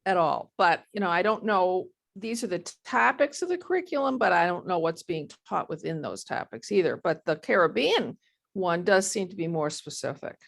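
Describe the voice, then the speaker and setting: A woman taking part in an online meeting, answering a question tentatively and thinking out loud. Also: fairly low pitch, very animated, moderate pace, creaky, no echo, studio quality. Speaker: meeting participant. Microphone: video call.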